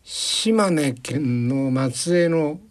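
A man's voice: fairly high pitch, expressive, extremely slow, a little hiss or hum. A man as a guest journalist on a radio interview, telling anecdotes chattily and slipping into quoted voices and regional dialects. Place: radio studio.

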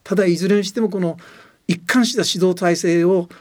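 Older guy w a tochigi lilt, pretty high voice, super dry close sound, talks on and on earnestly. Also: fairly even intonation, darkish tone, dry recording. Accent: Tochigi-tinged Japanese. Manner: earnest, explaining at length with emphatic pauses. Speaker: guest, former soccer coach and commentator. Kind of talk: radio studio talk.

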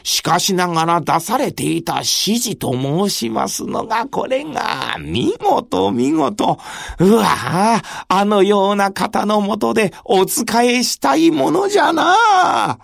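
A woman's voice: medium pitch, big pitch swings, slow, creaky, hardly any pauses, dry recording, clean studio sound, heavily acted. A woman voicing an awed young village lad. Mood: awed, hopeful. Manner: wondering, admiring, old-fashioned speech. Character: young eager male village lad dreaming of samurai life. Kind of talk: traditional kodan storytelling.

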